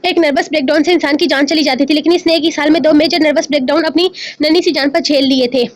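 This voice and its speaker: A woman narrating a dramatic romance novel with a quick, emotive delivery. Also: sits high, steady tone, a little hiss or hum. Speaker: audiobook narrator.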